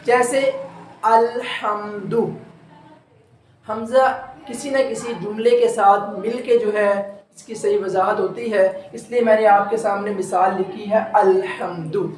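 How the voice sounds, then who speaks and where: A male recitation teacher talks slowly through a tajweed lesson, repeating and stretching each sound so it can be copied. His voice sits mid-range and carries the echo of a reverberant room. A faint noise runs under it. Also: high-pitched, darkish tone. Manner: explains step by step, repeating and drawing out sounds for demonstration.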